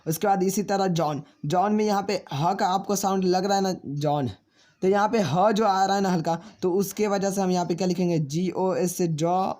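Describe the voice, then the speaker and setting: His voice sits high with a darkish tone as he teaches spelling. He addresses viewers as friends, spells names slowly letter by letter, and answers his own questions.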